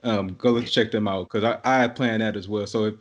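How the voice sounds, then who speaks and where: A young man co-hosting a podcast, talking in a relaxed, rambling way and laughing easily. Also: lowish voice, brisk, lo-fi sound. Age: young adult. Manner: laid-back, rambling, many fillers and restarts, laughs easily. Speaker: podcast co-host. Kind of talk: casual podcast chat.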